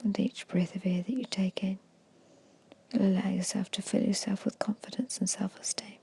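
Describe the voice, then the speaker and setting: A woman guides listeners through an ASMR hypnosis meditation, whispering breathily and softly at normal speed. Her medium-pitched voice holds a steady tone as she repeats gentle suggestions.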